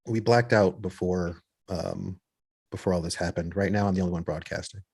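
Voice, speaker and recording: Low-voiced, halting man playing a tabletop game. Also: steady tone, creaky, a little mellow, slightly rough. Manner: hesitant, halting, wordy. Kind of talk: improvised roleplay and explanation.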